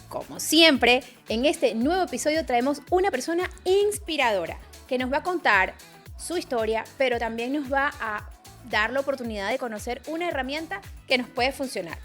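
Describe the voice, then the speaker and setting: Female podcast co-host, bright high voice, playful quips, music faint. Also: expressive. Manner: playful, quick interjections. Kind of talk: podcast interviewing.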